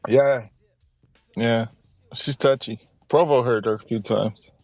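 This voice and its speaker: A man's voice: mid-range voice, slow, darkish tone, no echo. A man hosting a casual livestream, chatting loosely with lots of swearing and laughter. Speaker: stream host. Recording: dull lo-fi mic, music behind.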